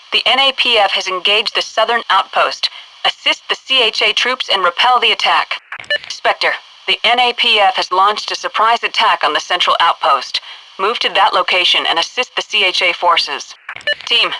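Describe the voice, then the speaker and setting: Over military radio in a video game, an actress plays a composed, commanding headquarters officer delivering crisp, businesslike mission orders. Her medium-pitched female voice sounds urgent and firm, and background noise is present.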